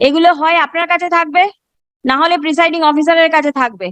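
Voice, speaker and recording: A woman's voice: extremely high pitch, steady tone, fast talker, a bit bright, no echo. A woman with a Bengali Indian accent questioning someone as a judge in court, probing and repeating her questions pointedly.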